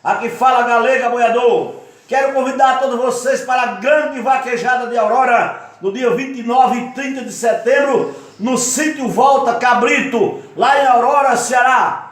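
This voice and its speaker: High-pitched, hyped Brazilian rodeo announcer man. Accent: Northeastern Brazilian. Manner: loud, drawn-out, rousing calls. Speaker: vaquejada announcer and cattle-call singer. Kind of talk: hyped rodeo announcer, event promo with sung aboio chant. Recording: heavy echo on the voice.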